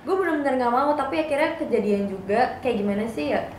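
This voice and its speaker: A woman guest on a podcast, telling a personal story in casual chat, halting and confessional. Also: on the high side, animated, a little mellow, a little hiss or hum. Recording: roomy room with background music.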